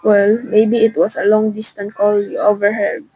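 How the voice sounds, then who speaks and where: A teenage girl playing an unhurried, dismissive police desk sergeant in a radio suspense drama, offhand and patronizing. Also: medium pitch, monotone, warm tone, breathy edge, dry recording, natural voice, rough recording. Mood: skeptical.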